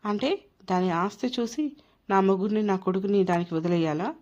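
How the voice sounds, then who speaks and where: A woman's voice: mid-range voice, fairly quick, a little mellow, natural voice. A woman voicing a wronged young wife who is hurt, indignant and proud. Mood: angry, hurt. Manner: tearful, indignant. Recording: dull lo-fi recording.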